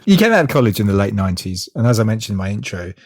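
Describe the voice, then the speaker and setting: A man hosting an interview, asking long, measured, carefully framed questions. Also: lowish voice, sing-song, darkish tone, dry recording, clean studio sound. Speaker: interview host.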